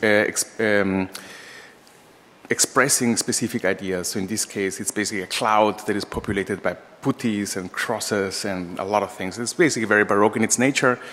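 Speaking into a gooseneck microphone at the lectern of an echoing lecture hall, the Vienna-raised Austrian professor of architecture, in his forties, talks informally and hesitantly to his audience. His voice sits lowish, with a fairly bright tone.

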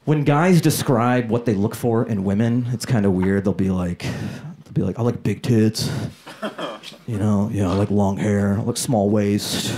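A man in his thirties doing a stand-up comedy set on a club stage with a handheld mic, animated and working the crowd. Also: fairly low pitch, normal speed. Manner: animated, crowd work, acts out voices. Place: comedy club stage before a laughing audience. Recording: live club recording with loud crowd laughter.

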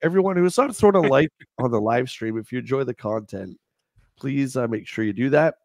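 Stuffy, nasal man hosting a lively stream. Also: mid-range voice, a little fast, creaky, no room sound, clean studio sound. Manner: upbeat, animated presenter. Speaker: livestream host. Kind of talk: casual chat.

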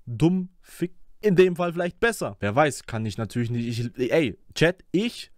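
A young man talks through a track in casual, slangy reaction commentary, his voice sitting high for a man. He keeps jumping up into squeaky imitations of the lines he comments on. The sound is dry and close, with no room around it. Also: animated, unhurried, darkish tone, no room sound. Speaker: music reaction streamer.

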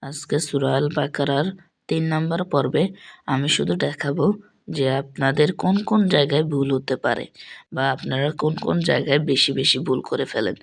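A man's voice: medium pitch, a little fast, creaky, a bit bright. A man teaching how to correct common mistakes in reciting, speaking straight to his viewers and repeating each point several times. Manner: addresses viewers directly as "respected viewers". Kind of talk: tutorial on correcting pronunciation.

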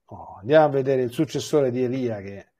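Brief: male priest, warm dark husky tone, teaching scripture with animated readings and repeated restarts. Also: medium pitch, brisk. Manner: repeats words and restarts phrases. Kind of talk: biblical catechesis with scripture reading.

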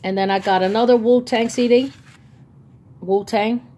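A woman's voice: fairly high pitch, fairly even intonation, normal speed, dark tone. Chatty woman showing a haul. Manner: chatty, enthusiastic, many ums. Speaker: vlogger. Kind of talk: casual haul video. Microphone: phone held by the speaker, off camera.

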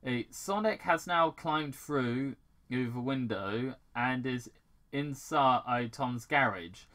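With a medium pitch and a fairly bright tone, a British amateur reads fan fiction aloud. It's a halting read, full of stumbles and corrections, punctuated by moments where the reader stops to ad-lib.

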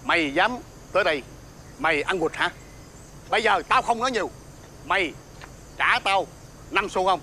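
An actor playing a bullying, menacing cockfighting ring boss in a TV fairy-tale drama, with a gruff, threatening manner. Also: male voice, sits high, animated, moderate pace, pauses often, sharp tone, slight background noise. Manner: gruff, threatening, barks orders.

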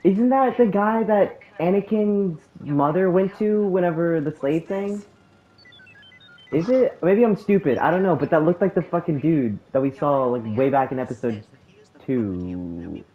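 A man's voice: fairly high pitch, a little slow, phone-quality sound. A young man hosting casual gameplay commentary, joking and swearing a lot. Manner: profane, joking, excitable. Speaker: gaming channel host.

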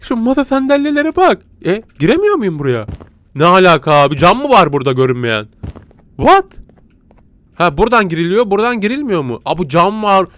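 A man talks through a horror game in joking, excitable let's-play commentary, often breaking into laughs and silly sound effects. His voice sits a little high for a man. The recording is close and dry, with no room sound. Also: no room sound. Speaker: gaming YouTuber.

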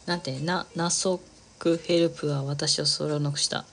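A woman's voice: low voice, steady tone, normal speed, vocal fry, fairly bright tone. A woman chatting casually on a livestream while she crafts, rambling from thought to thought, laughing often and reading out viewer comments.

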